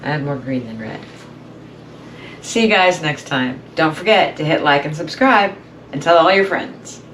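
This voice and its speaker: A woman's voice: low-pitched, animated, moderate pace, a bit bright. A middle-aged woman hosting a home baking video, chatty and upbeat as she talks straight to viewers. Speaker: baking channel host. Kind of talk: casual cooking demonstration. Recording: voice a little far from the mic, faint room noise.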